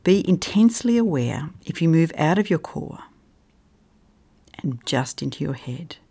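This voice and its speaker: A meditation guide speaking at a very unhurried pace, leaving long pauses between short phrases. The voice sits at a middle pitch and stays soft and calm, now and then sinking into a gentle whisper. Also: vocal fry, slightly rough.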